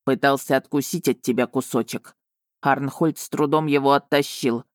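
A woman's voice: a bass voice, fairly even intonation, dry recording, clean studio sound. Woman voicing a stern dragon man. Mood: dry. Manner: stern, commanding, slow and weighty. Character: stern proud male dragon, a young woman's fiancé. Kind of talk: audiobook character voice.

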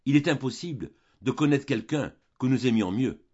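A man voicing a flustered society countess in an audiobook, brisk and falsely light, his voice raised for her. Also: mid-range voice, animated, warm tone, breathy edge, highs cut off. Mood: falsely breezy.

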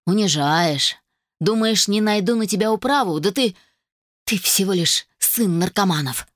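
A woman's voice: medium pitch, expressive, a little slow, no room sound, studio quality, natural voice. A woman reading an audiobook voices a jealous young man who talks with bitter spite. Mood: hateful.

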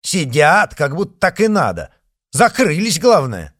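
A man's voice: sits high, big pitch swings, a little fast, a bit bright, voice pushed up. A man voicing an outraged, complaining woman in an audiobook. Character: indignant summer-cottage woman in shorts.

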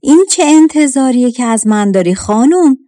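A woman's voice: fairly high pitch, lively intonation, darkish tone, no echo, clean studio sound, natural voice. A woman voicing a loyal, kind old male servant who pleads anxiously in a storybook tale. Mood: protesting. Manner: frightened, pleading, emphatic.

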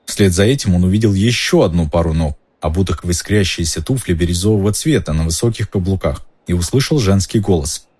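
A man narrating an audiobook in an expressive storytelling manner. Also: low-pitched, a little fast, few pauses, breathy edge.

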